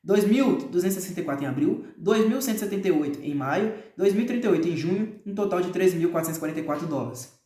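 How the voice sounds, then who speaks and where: A Brazilian man with a rather high voice reads a nonfiction book aloud in a loose, unpolished way. He recites long strings of figures and keeps stopping for hesitant fillers and crude offhand remarks. The sound bounces around an echoey room. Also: lively intonation, rapid-fire, warm tone. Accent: Brazilian Portuguese. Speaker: reader.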